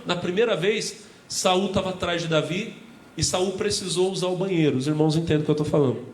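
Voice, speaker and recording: A man with a Brazilian Portuguese accent, a pastor preaching a lively sermon, telling stories and acting out the voices of the people in them. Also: sits high, fairly quick, slight background noise. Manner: animated storytelling, acting out voices, addressing congregation as brothers. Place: church hall. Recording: echoey church hall with faint ambience.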